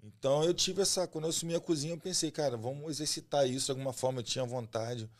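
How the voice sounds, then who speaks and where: On a relaxed podcast, a guest who runs a restaurant and cooks as a chef talks quickly in a mid-range voice. He's from Rio de Janeiro, has a Carioca accent, and keeps ending his phrases with tag questions in his chatty way.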